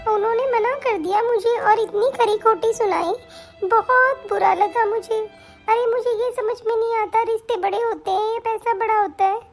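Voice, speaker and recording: A woman voicing a young daughter-in-law who pleads for money and complains tearfully, in an animated story. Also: extremely high pitch.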